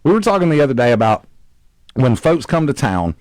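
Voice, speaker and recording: A man hosting a casual studio interview, chatty and folksy, quick to agree with emphasis. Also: mid-range voice, big pitch swings, a little mellow, no room sound. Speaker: radio show host. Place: radio studio.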